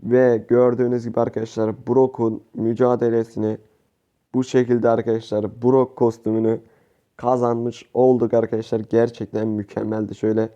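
A man giving casual, excitable gameplay commentary as a gaming YouTuber, slangy and quick to plead with or curse at his teammates. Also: mid-range voice, highs cut off. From Turkey.

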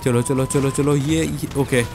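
A young man giving excited gameplay commentary, talking to his viewers in casual slang and repeating words in quick, frantic bursts. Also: medium pitch, over music. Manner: speaks as the game character in first person; casual slangy Hinglish, addresses viewers as guys. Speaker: gaming YouTuber. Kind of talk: excited Let's Play commentary.

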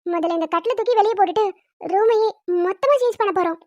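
Sharp-tongued young wife, very high and quick, voiced by a woman, dry sound. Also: dry recording, muffled recording. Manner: scolding, quick commands. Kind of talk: Tamil cartoon dubbing.

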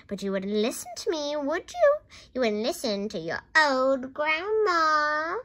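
A woman voicing a bossy, boastful old grandmother who shouts scornfully in a storybook reading. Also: a little high, animated, measured pace. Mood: boastful, triumphant.

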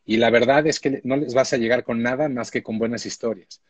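Man, 40s, mid-pitched, reflective showrunner guest on a home video call, dry close sound. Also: fairly even intonation, brisk, slightly rough, no echo. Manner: thoughtful, reflective, with frequent restarts. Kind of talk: casual live-stream interview. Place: indoor room at home. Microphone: phone or laptop on a video call.

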